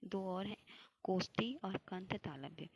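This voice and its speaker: A woman's voice: mid-range voice, a little slow, a little hiss or hum. A young woman teaching Hindi grammar for an exam, explaining step by step and answering her own questions. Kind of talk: classroom lecture.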